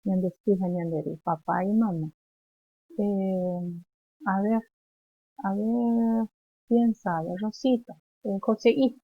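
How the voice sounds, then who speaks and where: Woman, preschool teacher, very slow, repeat-after-me, muffled lo-fi sound. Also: mid-range voice, steady tone. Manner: slow, repeats phrases for children to echo. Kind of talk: remote language lesson for young children.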